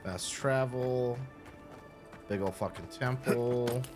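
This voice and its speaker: A man's voice: medium pitch, takes it slowly. A man casually commenting live on a game he is playing, joking and swearing. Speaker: streamer. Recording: game music behind.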